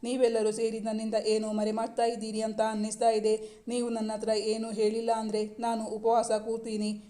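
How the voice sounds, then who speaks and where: A woman voicing an anxious young new mother who pleads with her mother-in-law, in a flat, mellow voice. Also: a little high, normal speed, lightly acted. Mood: worried pleading. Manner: pleading, worried.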